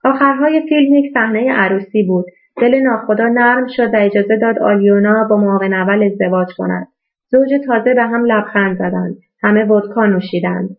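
A woman reading a novel aloud as audiobook narrator in a steady storytelling manner, in a tinny phone-like recording. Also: mid-range voice, creaky.

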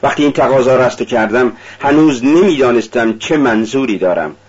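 Audiobook: brooding, feverish young man, read by a man, husky and intense. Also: mid-range voice, animated, a little mellow, dull audio. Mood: despairing. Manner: intense, confessional. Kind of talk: audiobook reading.

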